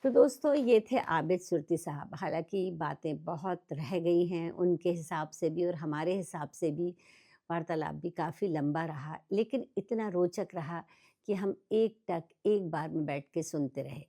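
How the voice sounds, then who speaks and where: A woman with an Indian accent hosts an interview podcast, speaking conversationally to her guest and her listeners. Her voice is lowish and warm, and she speaks at a measured pace.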